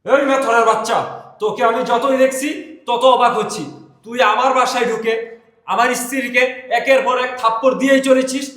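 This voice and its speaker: A man playing an indignant man who swears he is the husband, making declamatory threats in a short film. His voice is very high, bright and sharp, and it echoes around the room. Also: steady tone, a little fast. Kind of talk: melodramatic short film acting.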